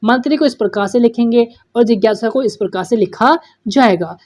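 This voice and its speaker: Patient woman teacher, fairly high voice. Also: brisk, a little mellow. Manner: patient, repeats questions back to pupils. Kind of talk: workbook solution lesson.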